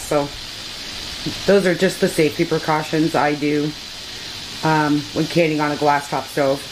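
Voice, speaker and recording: Chatty woman in a noisy kitchen. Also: lowish voice. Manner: chatty, instructive, addresses viewers as guys. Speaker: home canning vlogger. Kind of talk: casual how-to vlog. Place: home kitchen with electric glass-top stove. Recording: noisy kitchen with hissing steam. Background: steam and cooking sounds from a pressure canner.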